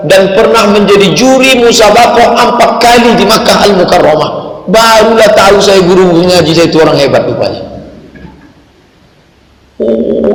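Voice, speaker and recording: A middle-aged man preaching a question-and-answer sermon, animated and joking, sometimes stopping to demonstrate recitation aloud. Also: high-pitched, gravelly. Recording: echoey hall with long reverb.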